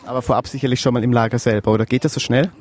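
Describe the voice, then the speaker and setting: A man hosting a radio feature, asking clear, friendly questions at an outdoor camp. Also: mid-range voice, fairly even intonation, racing, a little mellow. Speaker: radio reporter.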